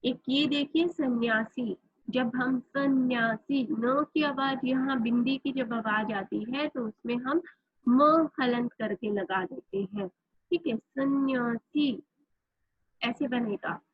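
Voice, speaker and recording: A high-voiced woman teaching grammar at an unhurried pace, checking in with her class after nearly every point. Her voice is a little husky, and the recording is dry and somewhat dull. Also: no echo. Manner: explains step by step, often says "theek hai"; spells out words letter by letter. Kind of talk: Hindi grammar lesson.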